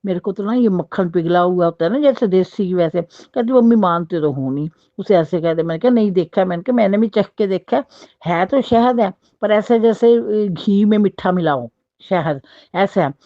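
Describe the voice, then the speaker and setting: Older woman, mid-pitched voice, rambling storyteller who acts out dialogue; dull, dry recording. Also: normal speed, dry recording. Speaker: devotee sharing a personal experience. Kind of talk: casual spoken storytelling.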